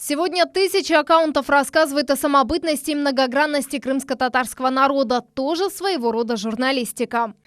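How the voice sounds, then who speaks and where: A woman narrates a scripted news report, her voice sitting high. The sound is dry and close, like a studio voice-over booth. She keeps an even, measured reporter's delivery. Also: no echo. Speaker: news correspondent.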